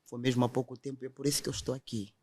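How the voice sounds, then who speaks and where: A man's voice: mid-range voice, little pitch movement, rapid-fire, a little mellow, husky. A young man, earnestly telling his conversion testimony in a podcast conversation. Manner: earnest storytelling, quotes others directly.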